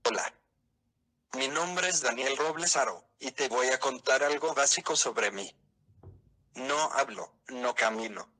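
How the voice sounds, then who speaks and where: A male synthesized text-to-speech voice like an old speech synthesizer, reading a scripted opinion segment in a robotic, measured way. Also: mid-range voice, bright, forceful tone, poor audio. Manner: robotic, evenly measured delivery. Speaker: opinion columnist.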